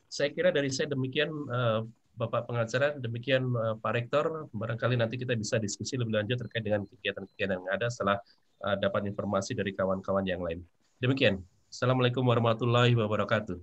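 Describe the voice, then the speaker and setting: A male visiting professor giving formal remarks at a meeting, hesitant and full of pauses. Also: mid-range voice, steady tone, dull audio. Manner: hesitant, many fillers.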